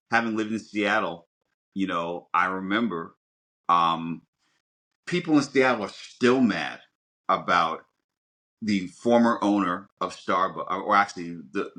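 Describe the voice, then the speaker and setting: Here a man with a fairly low pitch and a sharp tone co-hosts a podcast discussion that is casual and opinionated. He makes his points emphatically, stumbling and rambling at times, and repeats words often.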